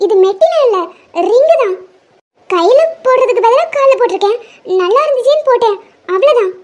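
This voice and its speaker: In a cartoon drama, a woman plays a headstrong young daughter who argues back in a very high, girlish voice. She talks quickly and turns pleading and insistent. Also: expressive, a little mellow, dull audio. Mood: defiant. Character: young college daughter, stubborn and defiant. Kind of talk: Tamil cartoon dub.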